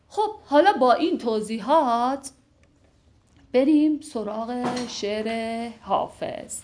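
A woman giving an informal, conversational lecture on classical poetry, with fillers and asides. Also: a little high. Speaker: literature teacher.

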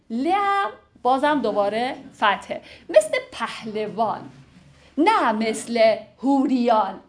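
A woman giving an informal, conversational lecture on classical poetry, with fillers and asides. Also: on the high side. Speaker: literature teacher.

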